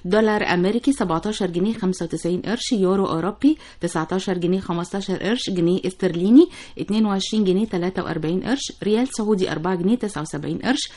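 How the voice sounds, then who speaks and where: A woman with an Egyptian accent presenting a morning radio show, reading announcements and figures in a brisk, businesslike way. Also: medium pitch, dark tone.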